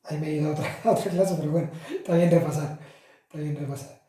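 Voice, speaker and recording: A man's voice: a little high, quick pace, dark tone. A man teaching Italian articles to Spanish speakers in a chatty classroom style, with fillers and self-corrections. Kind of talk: casual classroom explanation. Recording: roomy echo, from far off the mic.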